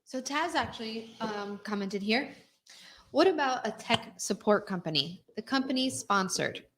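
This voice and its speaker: A woman's voice: fairly high pitch, expressive, normal speed, a bit bright. Woman co-host reading viewer comments. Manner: reads viewer comments aloud, laughs easily. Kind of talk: casual live-stream talk.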